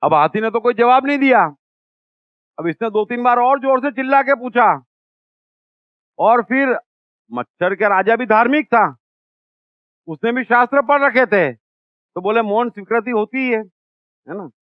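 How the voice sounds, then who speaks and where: A man's voice: extremely high pitch, expressive, a little slow, long pauses, clear, resonant tone, no echo, highs cut off. A man, a spiritual speaker, telling a parable in a conversational lecture style, often checking in with the listener. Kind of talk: storytelling lecture on philosophy.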